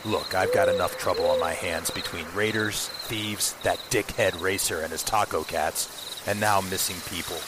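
An actor playing a gruff, weary middle-aged police commander in an audio drama, curt and sardonic like an old-time beat cop. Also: male voice, low-pitched, steady tone, moderate pace, natural voice. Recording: noisy night ambience with chirping crickets.

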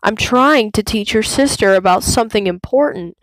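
A woman reading the part of a wise, calm male lion king and father, softly and steadily. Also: medium pitch, moderate pace, no echo, natural voice. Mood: solemn.

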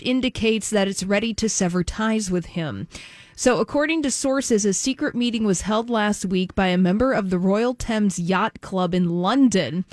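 A woman's voice: mid-range voice, normal speed, a little mellow, no room sound, clean studio sound. A woman hosting a radio show, reading entertainment news with chatty asides.

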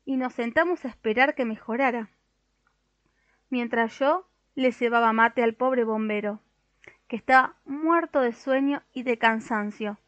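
A woman's voice: a little high, unhurried, a bit bright, dry recording, dull audio. A woman narrating a children's story in the first person. She tells it expressively.

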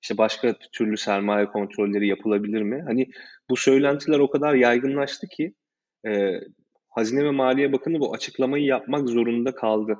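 A man hosting a casual discussion, explaining in a measured way with hesitant fillers. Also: mid-range voice, steady tone, darkish tone, muffled recording. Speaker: host.

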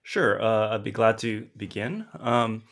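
A man from Southern California, a theologian answering interview questions in a measured way with frequent fillers. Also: fairly low pitch, fairly bright tone. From Southern California, USA. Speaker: guest author, theologian. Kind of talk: podcast interview.

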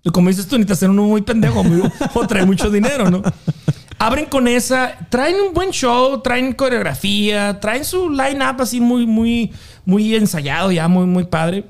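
A Mexican man tells a concert story in loose, slangy chat. His voice sits high for a man, and he jumps into the voices of the people in his story as he goes. The delivery is animated and full of street slang. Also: normal speed. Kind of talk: casual chat.

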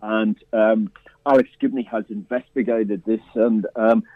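Over a tinny, dry phone line, a film festival programmer talks about films in a radio interview. His voice is lowish and flat, a little slow, with no room sound, and he keeps stopping and restarting amid plenty of fillers.

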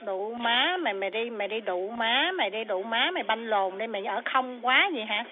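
A woman who works at a restaurant, shouting insults down the phone in a heated argument. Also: on the high side, a little fast, slight background noise. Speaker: restaurant worker answering a prank call. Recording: tinny phone line.

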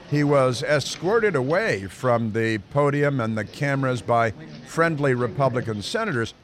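A man's voice: mid-range voice, a bit bright, a little hiss or hum. A man with an American accent hosting opinionated political talk radio, speaking in emphatic phrases on a close studio microphone.

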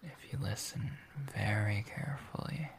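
A man playing a tender, soothing boyfriend in a whispered role-play, speaking softly, warmly and intimately, as if very close to his partner. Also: fairly low pitch, unhurried. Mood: dreamy, calming. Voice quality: soft, breathy whisper with creak.

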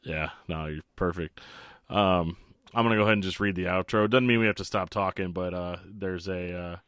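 A man's voice: low-pitched, brisk, a bit bright, clean tone, dry recording, studio quality. A man hosting a podcast, talking casually like an enthusiastic music fan. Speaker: podcast host and interviewer. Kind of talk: casual chat.

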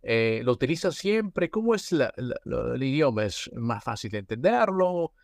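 A man's voice: medium pitch, sing-song, moderate pace, gravelly, no echo, studio quality. A man hosting a casual podcast interview, asking long, rambling questions that he keeps tagging for agreement. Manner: rambling questions with many tag questions. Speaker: podcast host.

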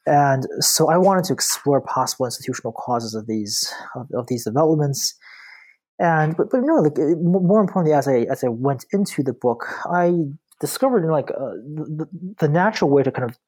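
A man's voice: on the high side, expressive, brisk, a little mellow, breathy edge. A man from China, a law professor, answering interview questions in a thoughtful way with many fillers and restarts. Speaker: guest author, law professor.

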